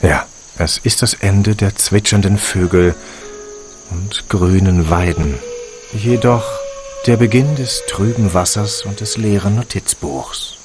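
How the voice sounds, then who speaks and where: A man's voice: on the low side, slow, noisy background. An actor playing a melancholy, courteous man in a video game, speaking in a solemn, formal, poetic way. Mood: wistful.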